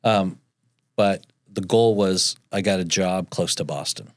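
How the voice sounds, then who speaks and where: A man's voice: deep voice, a little slow, dry recording, clean studio sound. A man in his forties, a chef, recounting his career in a casual interview, rambling and full of fillers. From North Dakota. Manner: rambling, with frequent fillers and restarts. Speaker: chef and entrepreneur, podcast guest.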